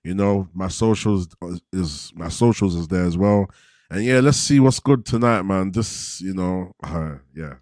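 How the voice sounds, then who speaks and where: A man's voice: low voice, unhurried, a little mellow, no room sound. A man chats casually as a livestream guest. His talk is loose and slangy, recorded dry. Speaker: guest football content creator.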